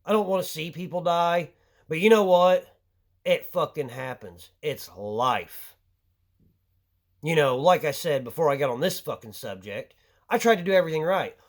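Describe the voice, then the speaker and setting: A man's voice: on the high side, expressive, moderate pace. A man venting his anger in a crude, heavily profane monologue to camera. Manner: angry, crude and swearing heavily. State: short of breath at times. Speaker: vlogger.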